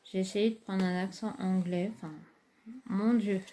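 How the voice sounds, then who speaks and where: A woman's voice: medium pitch, fairly even intonation, moderate pace, mellow, slight background noise. A woman, casually reviewing makeup palettes in a chatty, hesitant way with many fillers. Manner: enthusiastic about products. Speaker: beauty vlogger.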